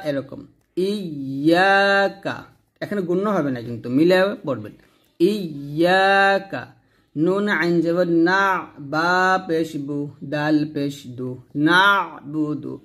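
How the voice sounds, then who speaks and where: A Bangladeshi man teaching recitation, higher-voiced. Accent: Bangladeshi Bengali. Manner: spells out letters and vowels, then chants words slowly and drawn out; quick spoken explanations between slow chanted syllables. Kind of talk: step-by-step recitation lesson.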